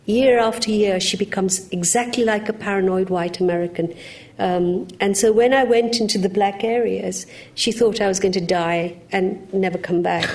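A woman from Uganda speaking on a panel, telling personal stories in a lively, frank way. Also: mid-range voice, normal speed. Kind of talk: anecdotal panel discussion.

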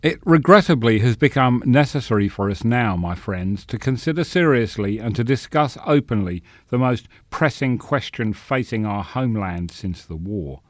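A man's voice: mid-range voice, lively intonation, normal speed, hardly any pauses, no echo, lightly acted. A man voicing a bigoted halfling senator who orates in a bombastic, declaiming style, recorded dry. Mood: orating. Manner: bombastic, declaiming filibuster speech.

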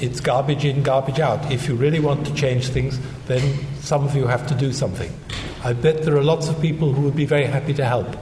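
A man on a discussion panel answering in a blunt, wry way. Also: mid-range voice. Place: large hall. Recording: echoey hall, clear background noise.

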